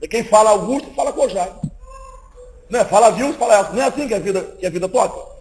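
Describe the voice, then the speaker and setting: A man delivers a sermon in a lively, conversational way, acting out little exchanges between people. His voice sits unusually high for a man. A faint hiss runs underneath. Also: fast talker, poor audio. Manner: lively, conversational preaching that acts out little dialogues. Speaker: preacher. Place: church meeting, indoors.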